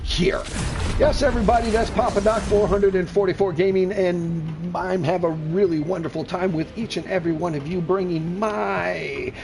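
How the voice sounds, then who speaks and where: A man's voice: high voice, moderate pace, creaky, noisy background. A middle-aged man streaming a game, rambling in a folksy, effusively friendly way and repeating himself. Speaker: gaming streamer. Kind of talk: casual live gameplay commentary.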